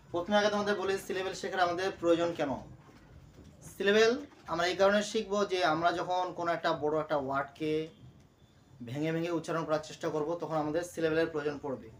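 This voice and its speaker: Man teaching syllables slowly, from afar. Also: on the high side, far from the mic, a little hiss or hum. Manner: slow, repetitive, breaks words into syllables aloud. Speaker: English teacher. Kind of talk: classroom lesson explaining pronunciation.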